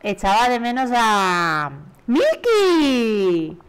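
A woman's voice: on the high side, big pitch swings, background noise, voice pushed up, full character voice. Minnie, a woman reading as a sweet mouse. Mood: wistful. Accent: Spain Spanish. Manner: slow, gentle reading of game dialogue. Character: sweet lovesick female cartoon mouse.

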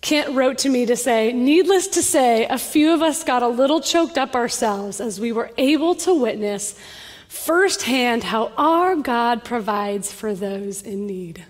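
Preaching a little slowly, a woman pastor narrates a story with lively energy in a high, bright voice. The large church hall carries her words, and a long reverb lingers after each phrase of the sermon.

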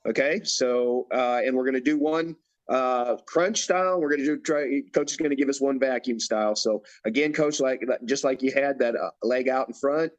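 A man's voice: medium pitch, moderate pace. A man coaching a bodybuilder through posing routines, giving directions and repeating his cues. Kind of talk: instructional demonstration.

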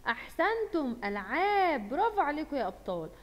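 A high-pitched woman with an Egyptian Arabic accent teaches a lesson to young children. She keeps asking questions and praising the class. Her voice rings with a long reverb, as if recorded in a large hall. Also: big pitch swings, fast talker. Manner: encouraging, asks questions and praises pupils. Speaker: primary school Arabic teacher.

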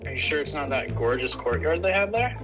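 A man's voice: a little high, expressive, a little fast, music in the background. A man in a casual, chatty phone call, heard over a phone on speaker.

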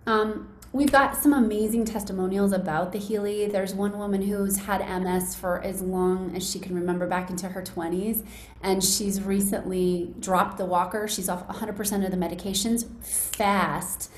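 Speaking at a moderate pace with medium pitch and fairly even intonation, a woman demonstrates a wellness device live to a group on a video call. She's chatty, encouraging and enthusiastic, addressing listeners directly and leading calm guided relaxation, over an echoing line with faint noise.

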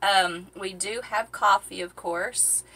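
Filmed by a fixed camera a few feet off, a middle-aged vlogger cooks in a cramped boat cabin and chats casually through the steps, rambling with plenty of ums and uhs. Her medium-pitched voice is husky and sharp, steady and slow.

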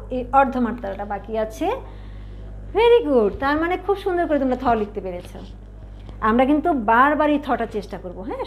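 A woman teaching young children to write and say letters, coaxing them with questions and slow drawn-out fillers, with a Bangladeshi Bengali accent. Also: sits high, a little hiss or hum. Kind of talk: children's alphabet lesson.

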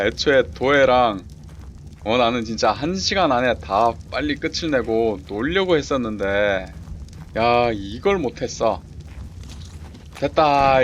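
A man giving casual running commentary while playing a survival game, talking to himself and urging on the creatures. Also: medium pitch. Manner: talks to himself and the game creatures, excited exclamations. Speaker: game streamer. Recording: clear background game noise.

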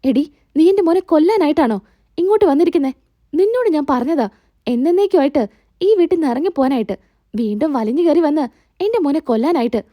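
A woman's voice: high voice, expressive, fast talker, warm tone. A woman voicing a reproachful, tearful middle-aged mother in a retold TV serial scene. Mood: scolding. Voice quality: complaining, reproachful.

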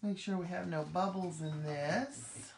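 This middle-aged craft demo host talks cheerfully and chattily while working at a table in her craft room during a live demonstration. She has a lowish, darkish voice and an unhurried delivery. Echo and clear background noise fill the recording.

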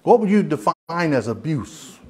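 A man's voice: a little high, sing-song, moderate pace, husky. A man with a Southern US accent leading a church Bible study, talking in a folksy, rambling way with many restarts and fillers. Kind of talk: informal Bible study teaching. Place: church hall.

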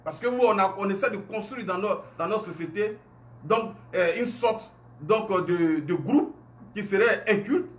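His voice sits high, and his pace is unhurried. An Ivorian online commentator in his forties, speaking with an Ivorian French accent, gives an impassioned to-camera monologue in a room at home, sounding indignant and emphatic, gesturing a great deal and firing off rhetorical questions.

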